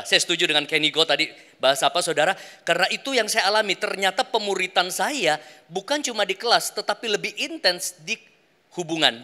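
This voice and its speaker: A man's voice: high voice, pushed and bright. A man preaching in a conversational way, often addressing his congregation directly and acting out short everyday examples. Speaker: pastor giving a workshop talk. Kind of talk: animated sermon teaching. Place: large hall, speaking to an audience. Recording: echoing hall with long reverb.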